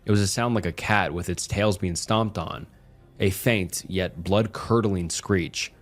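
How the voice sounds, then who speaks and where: A man reading a scripted first-person horror story in a steady, measured way. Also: deep voice. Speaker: narrator. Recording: soft music underneath.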